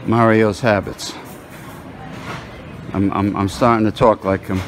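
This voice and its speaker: Casting note: man, lowish voice, chatty phone vlog at a buffet, background music. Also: little pitch movement, measured pace. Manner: chatty, muttering to himself while choosing food. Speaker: vlogger. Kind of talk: casual walk-through commentary. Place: indoor restaurant buffet. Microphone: handheld phone.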